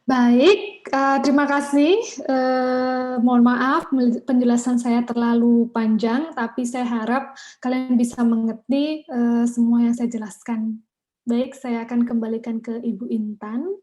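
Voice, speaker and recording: A woman's voice: a little high, level tone, unhurried, darkish tone. A woman with an Indonesian accent, a teacher giving an informal online presentation as guest speaker.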